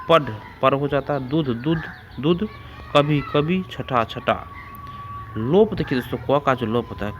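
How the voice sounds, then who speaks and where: A man's voice: mid-range voice, background noise. A man teaching an exam-prep grammar lesson, repeating rules and examples and calling his listeners friends.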